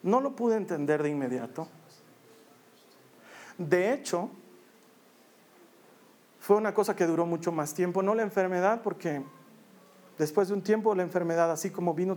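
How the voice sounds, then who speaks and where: A man delivers a personal testimony as a sermon. His voice sits notably high for a man. He tells the story earnestly and drags out the phrases that matter most. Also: normal speed, pauses often, darkish tone. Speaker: preacher.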